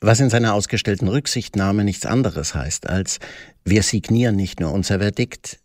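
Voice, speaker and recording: A man's voice: low voice, dry recording, studio quality. A man reading scripted satirical commentary with a sardonic, mock-pompous delivery.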